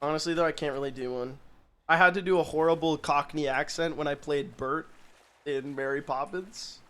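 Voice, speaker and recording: Joking, rambling streamer man, higher voice. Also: fairly even intonation. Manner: joking, rambling, quick to laugh; loud bursts when reading donations. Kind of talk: casual chat while gaming.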